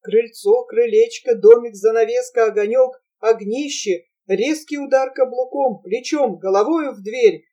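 A woman narrating a literary story in a slow, measured reading, recorded from a distance. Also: a little high, warm tone.

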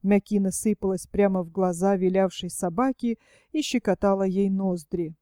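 A woman reading a literary story aloud as an audiobook narrator, in a steady storytelling manner. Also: medium pitch, moderate pace, clear, resonant tone, no echo, studio quality.

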